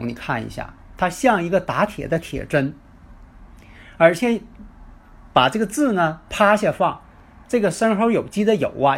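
A man hosts a lesson on Chinese metaphysics with a fairly high-pitched voice. He tells teaching stories slowly, stretching his filler particles as he goes. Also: husky. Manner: unhurried, full of drawn-out filler particles. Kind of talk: storytelling lecture.

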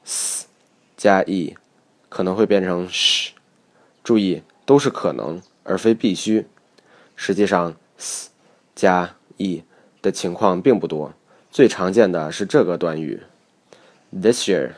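A man with a very low voice reads a scripted pronunciation lesson. He explains each point in a measured, steady way. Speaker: English pronunciation teacher.

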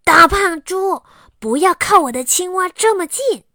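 A woman voicing a rude, bad-tempered schoolboy who shouts insults in a children's storybook. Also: extremely high pitch, animated, a little slow, dry recording, clean studio sound, voice pushed up, full character voice. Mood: nasty.

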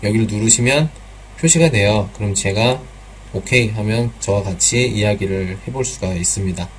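A man's voice: on the low side, moderate pace, a little hiss or hum. A man teaching pronunciation in a live online class, patiently repeating drill sounds and mixing in some Chinese words.

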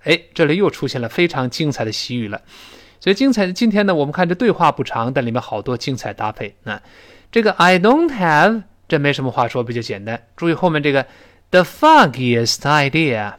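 A man teaching a spoken English lesson, explaining phrases and modelling pronunciation slowly. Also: dry recording, studio quality. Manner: lively explanatory teaching, rising to high pitch for emphasis.

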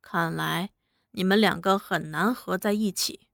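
Brief: aging bandit chief, weary and brooding, low and heavy, put on by a woman narrator. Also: a little slow, gravelly, fairly bright tone, dry recording, studio quality.

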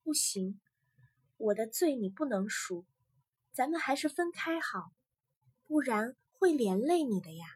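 Gentle, tearful young sea maiden read by a woman; soft, pleading, slightly raised pitch. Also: big pitch swings, measured pace, long pauses, husky, heavily acted. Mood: tender.

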